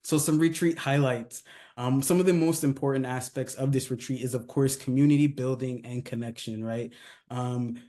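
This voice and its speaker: A man from California talks through a presentation in a loose, conversational way, often checking in with a quick tag question. His voice has a mellow, warm tone at a middling pitch. He speaks as a company head giving an overview. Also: steady tone. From California, United States. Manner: conversational, many fillers, tags sentences with "right?". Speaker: company CEO presenting a retreat. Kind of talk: casual presentation, video overview.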